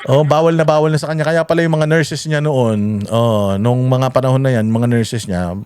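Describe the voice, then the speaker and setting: A man with a Filipino accent telling stories in a casual vlog, animated and full of fillers and restarts. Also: medium pitch, moderate pace, clear, resonant tone, dry recording. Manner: animated, many fillers and self-corrections. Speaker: vlogger. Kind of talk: casual storytelling.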